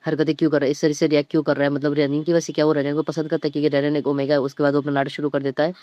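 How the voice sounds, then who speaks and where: A man casually retelling a comic story, rushing through quoted lines and fillers. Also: fairly high pitch, little pitch movement, no echo. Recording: dull dry lo-fi sound.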